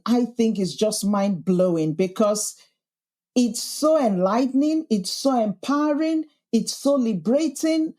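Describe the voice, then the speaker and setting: A podcast host with a Yorkshire accent answers interview questions in a reflective, conversational exchange. Her voice is slightly high and warm, and she speaks earnestly and thoughtfully, building her points into emphatic lists.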